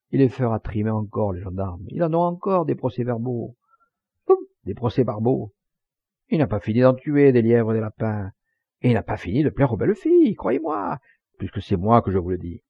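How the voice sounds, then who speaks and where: Man reading as a gruff old countryman, rambling folksy talk, gravelly voice, dull dry recording. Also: medium pitch, dry recording. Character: old southern French countryman, loyal, gruff.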